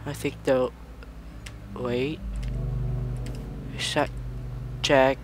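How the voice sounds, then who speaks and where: A man casually commenting on his own gameplay, rambling along and breaking into sudden excited outbursts. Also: mid-range voice, very slow, background noise. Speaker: gaming channel host.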